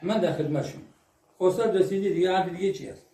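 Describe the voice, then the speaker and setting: A man with a high voice pleads insistently, repeating the same words over and over. He is recorded from a distance in an echoey room with faint noise behind him. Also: warm tone. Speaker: accused man in a confrontation. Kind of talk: heated confrontation.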